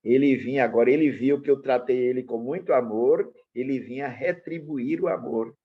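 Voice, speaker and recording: A middle-aged man with a Brazilian Portuguese accent, a pastor teaching in an animated sermon full of personal anecdotes, acting out dialogue in changed voices. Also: medium pitch, moderate pace, husky, dull audio.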